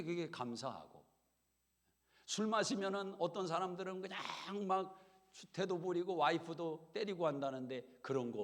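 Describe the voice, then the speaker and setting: A middle-aged male pastor preaching a sermon in a conversational, humorous way. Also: medium pitch. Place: church sanctuary. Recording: long hall reverb.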